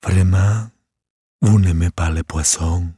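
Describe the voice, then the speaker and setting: A man's voice: sits low, steady tone, takes it slowly, husky, no echo, clean studio sound, voice pushed down, heavily acted. A man voicing a vain, elegant female trout with a genteel, coaxing manner in a storybook reading. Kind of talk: storybook character voice. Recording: soft music behind.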